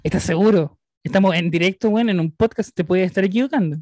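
A man's voice: high voice, fast talker, a little mellow, no room sound, studio quality. A Chilean man co-hosting a podcast, ranting crudely in casual banter and swearing often. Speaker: podcast co-host.

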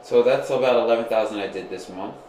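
Man in his twenties, casual chat host, animated and gossipy, echoey room. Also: medium pitch, quick pace, slight background noise. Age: 20s. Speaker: podcast host.

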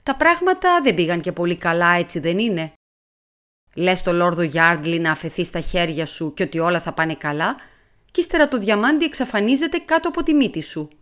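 A woman voicing an earnest, impatient English gentleman, a loyal sidekick, in an audiobook. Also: on the low side, expressive. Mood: urgent. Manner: urgent, impatient. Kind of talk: audiobook character reading.

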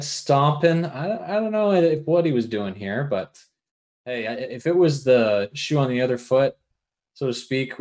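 A man's voice: medium pitch, a little mellow. Easygoing man hosting a sports chat. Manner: easygoing, jokey, steers the talk with questions. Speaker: podcast host.

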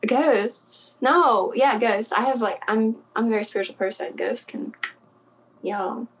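A young adult woman from South Central Pennsylvania, a guest in a casual interview, chatty and quick to laugh, often trailing off and restarting her sentences. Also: a little high, slight background noise.

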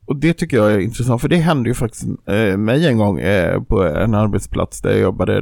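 A man hosting a conversation, speaking haltingly with many fillers and repeated words. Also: lowish voice, gravelly, darkish tone, no echo, clean studio sound. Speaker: host. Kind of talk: casual interview talk.

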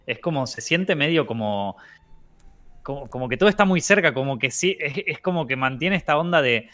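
Casting: bright Argentine man, rambling, laughing, casual livestream guest. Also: medium pitch, expressive, brisk, dry recording. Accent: Argentine Spanish. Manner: rambling, laughing, repeats words. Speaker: guest film youtuber.

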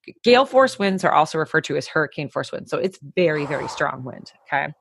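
Low-voiced woman, chatty co-host. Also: very animated, quick pace, gravelly, slight background noise. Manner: chatty storyteller, many fillers. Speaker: podcast co-host. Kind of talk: casual chat.

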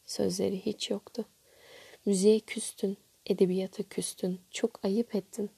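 A woman slowly reciting a poem, often dropping into a soft half-whisper. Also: medium pitch, level tone, gravelly, slightly rough, no room sound. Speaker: poetry reciter. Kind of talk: slow poetry recitation.

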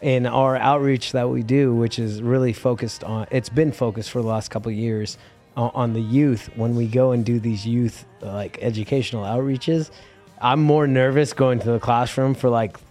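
A man with a hoarse, raspy, worn voice, telling stories casually and informally as an interview guest. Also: mid-range voice, steady tone, moderate pace, mellow, faint music behind. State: hoarse, losing his voice. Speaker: guest musician in a band. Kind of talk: casual conversational storytelling.

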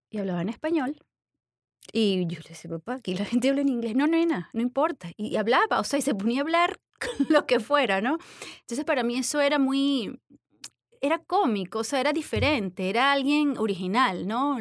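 A middle-aged woman with a Venezuelan Spanish accent recounts a family story in conversation. She talks in a warm, confiding way, with "eh" fillers and "¿no?" tags. Her pitch is average, and the recording is very dry. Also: no echo. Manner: warm, confiding, many tag questions and fillers. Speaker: interviewee.

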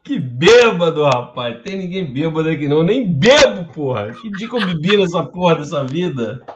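Man, co-host, teasing, swearing, lively pitch, muffled noisy line. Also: moderate pace. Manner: teasing, swears, repeats himself. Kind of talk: casual live-stream football chat. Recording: muffled line with background noise.

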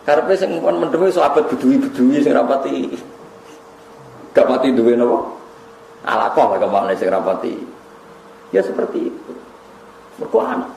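A man's voice: medium pitch, creaky, darkish tone, roomy sound, slight background noise, poor audio. A man with a Javanese accent preaching a sermon, telling stories with laughter and reciting Arabic verses. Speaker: Islamic preacher. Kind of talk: sermon to a gathering.

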